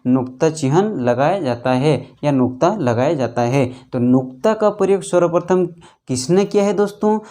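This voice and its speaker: Repetitive Hindi grammar teacher, darker tone. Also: male voice, on the high side, lively intonation, mellow. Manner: repetitive, asks and answers own questions, addresses "friends"; halting, restarts phrases while writing. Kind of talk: exam-prep grammar lesson.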